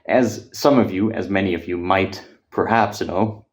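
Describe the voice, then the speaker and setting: A low-voiced fitness vlogger chats casually between gym sets. He's out of breath, speaks haltingly with frequent filler pauses, and swears casually.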